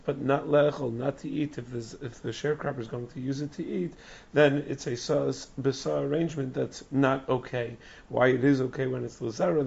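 Very hoarse, croaky male Talmud teacher. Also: mid-range voice, darkish tone. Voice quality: raspy, strained, breathy croak. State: hoarse, lost voice. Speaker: religious teacher giving a daily Talmud class. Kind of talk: Talmud lesson, reading and explaining text. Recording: dull, muffled lo-fi recording.

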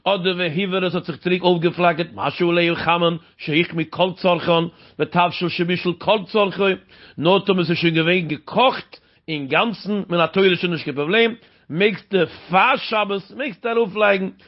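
A man's voice: high-pitched, moderate pace. A man works through a Talmud passage in a sing-song teaching cadence. He keeps posing rhetorical questions and answering them himself. The recording sounds dull and lo-fi. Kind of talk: Talmud study lecture.

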